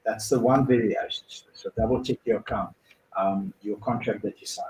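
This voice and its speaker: Hosting a car dealer's viewer Q&A, a Bulgarian-born man talks through casual advice step by step, filling gaps with fillers in a conversational way. His voice sits on the low side, a little mellow, with fairly even intonation at normal speed. The recording has a roomy echo, faint ambience and slight background noise.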